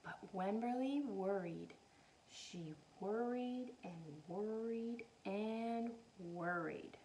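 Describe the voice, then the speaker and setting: A woman's voice: mid-range voice, extremely slow, a little mellow, a little hiss or hum, poor audio. A woman reading a picture book aloud expressively to young children, adding simple explanations as a teacher would.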